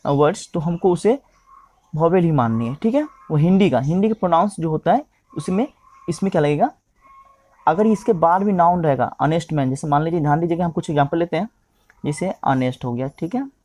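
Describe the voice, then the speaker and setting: A man teaching English grammar, who keeps pausing to ask himself questions and checking in with his listeners. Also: fairly high pitch, lively intonation, a little mellow. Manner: repeats "okay" and asks himself questions.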